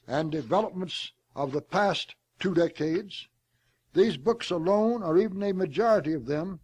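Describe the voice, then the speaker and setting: A man with a high voice reads a prepared formal address aloud in a deliberate, oratorical style, going so far as to speak the quotation marks.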